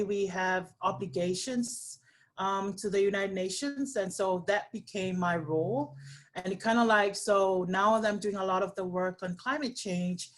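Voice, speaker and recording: A Samoan woman with a medium-pitched voice joins a webinar interview by video call as a guest. She speaks earnestly, with many pauses and restarts.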